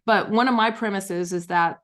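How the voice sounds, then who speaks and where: A woman's voice: medium pitch, moderate pace. Storytelling woman author on a podcast. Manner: enthusiastic, storytelling with acted quotes. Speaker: author and guest. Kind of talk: podcast interview.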